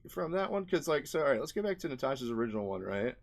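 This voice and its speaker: A fast-talking man with a mid-range, sing-song voice and some vocal fry gives casual screen-share commentary. As an indie game developer presenting his experiments, he rambles and thinks out loud.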